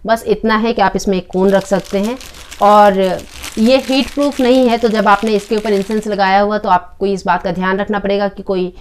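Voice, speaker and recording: A woman giving a casual product review with a live demo, in calm, unhurried descriptive talk with occasional fillers. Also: medium pitch, a little hiss or hum.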